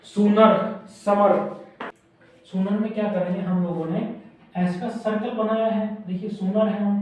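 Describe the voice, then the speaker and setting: A man teaching a shorthand class who says each word slowly, breaks it into syllables and repeats it as he writes. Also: high-pitched, steady tone, dark tone, a little hiss or hum. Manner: slow, spells words out syllable by syllable and repeats them. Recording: echoey, dull, distant room recording.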